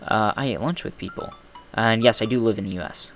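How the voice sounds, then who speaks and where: A man's voice: on the low side, sing-song, brisk, fairly bright tone, faint music behind. A young man streaming a game, reading chat aloud and rambling in self-deprecating asides. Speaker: gaming streamer.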